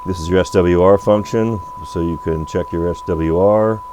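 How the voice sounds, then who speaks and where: His voice sits low and moves at a moderate pace as he tinkers at an electronics repair bench, narrating an improvised radio repair demo. Background noise and electrical hum mark the recording.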